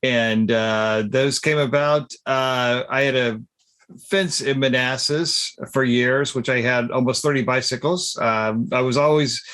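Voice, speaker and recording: A middle-aged man from southeastern Ohio, a children's book author answering interview questions over a video call, pausing often with fillers. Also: medium pitch, steady tone, a bit bright. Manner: hesitant, with frequent fillers. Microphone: video call webcam.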